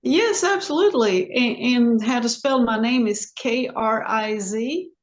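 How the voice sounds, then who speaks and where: A singer-songwriter woman from Sweden, a guest in an interview, who talks slowly and haltingly with many restarts. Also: a little high, low-quality recording.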